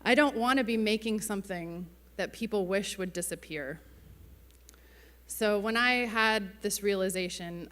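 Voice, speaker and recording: Female conference presenter, careful and measured for an audience, amplified in a big echoing hall. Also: mid-range voice, a bit bright. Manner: careful, slowly spoken English for foreign listeners. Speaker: keynote speaker, advertising strategist. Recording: reverberant hall, amplified stage talk.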